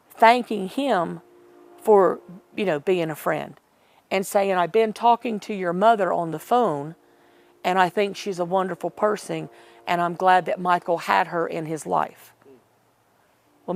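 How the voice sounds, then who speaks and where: A middle-aged woman with a gravelly voice on the low side tells a personal story in an interview. She rambles emotionally and voices what others said to her.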